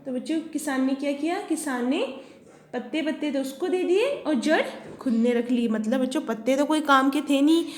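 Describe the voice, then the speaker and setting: A woman's voice: high voice, normal speed, echoey room, a little hiss or hum. A woman teaching an online lesson to young children, retelling a story and quizzing the class with repeated questions. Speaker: primary school teacher.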